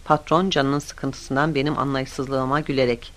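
A man reading a story aloud in the first person, in a steady, plain storytelling manner. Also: mid-range voice, a little slow. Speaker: audiobook narrator. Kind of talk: scripted story narration.

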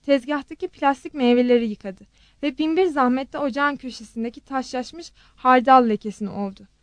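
A woman narrating an audiobook in a steady, measured manner. Her voice sits somewhat high, and the recording is close and dry with no room sound. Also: dry recording.

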